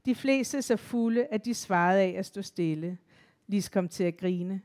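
A woman narrating a literary audiobook in an even, measured storytelling voice. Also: mid-range voice.

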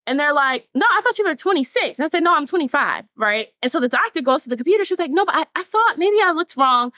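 Speaking quickly in a high-pitched voice, this Atlanta podcast host and TikTok creator in her 20s chats casually to camera, addressing her audience as y'all. She is animated and laughs a lot, in a studio-quality recording with no room sound.

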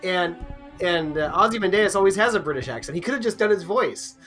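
A man's voice: high-pitched, animated, a little fast, a bit bright, faint music behind. Enthusiastic rambling man podcaster. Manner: enthusiastic, rambling, laughs often. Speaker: podcast co-host. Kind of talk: casual chat.

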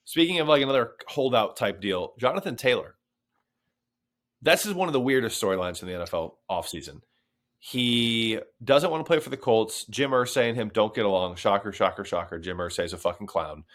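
A man's voice: fairly low pitch, lively intonation, brisk, a bit bright. A man co-hosting a sports podcast, chatting in a sarcastic, profane, conversational way. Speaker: podcast co-host. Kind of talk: casual sports chat.

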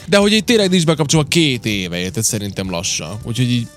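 A man chatting casually as co-host, animated and fond of acting out shouting gamers. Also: medium pitch. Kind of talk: casual chat.

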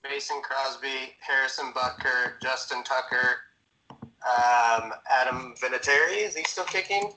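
Bright-voiced man heard over speakerphone. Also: mid-range voice, unhurried, a little hiss or hum, poor audio. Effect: on speakerphone call. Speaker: surprised listener called as a quiz contestant. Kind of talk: casual phone chat, rattling off answers.

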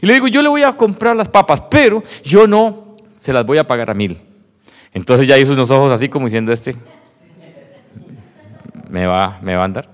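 A man preaching a sermon testimony, telling a story with animated acted-out dialogue. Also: a little high, fairly quick. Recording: long hall reverb.

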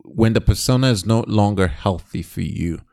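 A man from Nigeria co-hosting a casual chat, animated and swearing as he acts out quoted voices. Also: fairly low pitch, moderate pace, vocal fry, no echo, studio quality.

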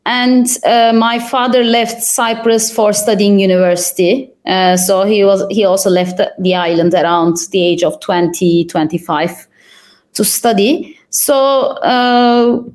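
A young adult woman from Turkey, a podcast guest, answering thoughtfully with frequent pauses and fillers. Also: medium pitch, steady tone, darkish tone. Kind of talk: conversational interview answers.

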